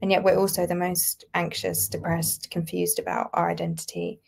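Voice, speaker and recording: A woman's voice: lowish voice, flat delivery, normal speed, vocal fry, darkish tone. A British woman in her twenties, a writer and podcast guest, speaking thoughtfully in a casual conversation. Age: 20s.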